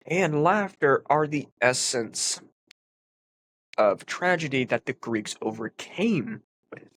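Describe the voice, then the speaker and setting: A philosophy commentator with a congested, sniffly voice reads a philosophy text aloud and explains it earnestly, stressing words emphatically. His voice is medium-pitched with a fairly bright tone.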